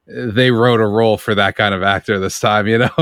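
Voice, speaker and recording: A man co-hosting a podcast, chatting casually and excitedly about a film and swearing freely. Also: on the low side, normal speed, no echo, studio quality. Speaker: podcast co-host.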